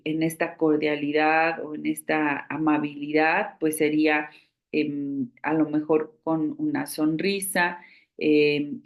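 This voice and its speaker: A woman teaches a training session at a slow, deliberate pace. Her voice has a gravelly, creaky texture. She explains things in a measured way and often pauses mid-sentence to find her words. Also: deep voice. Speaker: instructor. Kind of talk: online training lecture.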